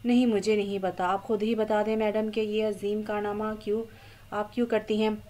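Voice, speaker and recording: A dry, wry young man from an audio novel, voiced by a woman narrator, needling with mild sarcasm. The tone is mellow and warm. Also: medium pitch, little pitch movement, moderate pace, natural voice. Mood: teasing.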